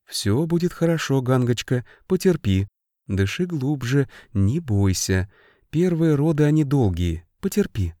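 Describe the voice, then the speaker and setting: Мужчина озвучивает деловитую гномку-интриганку. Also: male voice, mid-range voice, sing-song, normal speed, darkish tone, no echo, clean studio sound, pitched above the performer's own voice, close to an everyday voice. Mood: soothing. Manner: matter-of-fact, commanding. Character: shrewd female dwarf schemer, brisk and bossy.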